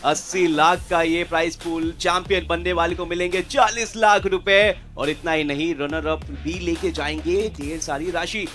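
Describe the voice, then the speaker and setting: A man with a fairly high voice co-casts an esports grand final at a live arena. His talk is excited and he stacks up the drama, with faint music running behind. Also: normal speed, few pauses. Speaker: esports co-caster.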